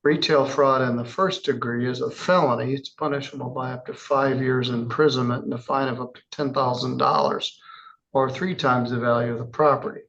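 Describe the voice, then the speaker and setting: A man presiding as a judge in a courtroom, reading charges in a measured, formal way with casual asides. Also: medium pitch, fairly even intonation, fairly bright tone, dull audio. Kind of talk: courtroom proceedings.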